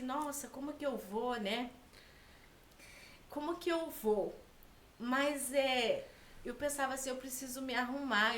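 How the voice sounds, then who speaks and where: Brief: Brazilian woman, higher voice, heartfelt, chatty storyteller, roomy sound with faint hiss. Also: sharp tone. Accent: Brazilian Portuguese. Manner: heartfelt, tag questions often. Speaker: podcast guest. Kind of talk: personal storytelling in conversation.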